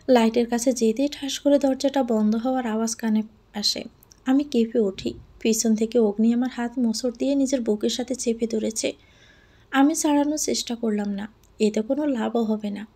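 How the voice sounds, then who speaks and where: Woman storyteller, first-person audio love story, mellow tone, fairly high voice. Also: normal speed.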